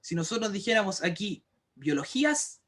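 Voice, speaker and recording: A man's voice: high voice, very animated, moderate pace, a bit bright. A male teacher explaining grammar rules to an online class, patient and repetitive, often checking if students follow. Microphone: computer mic for an online class.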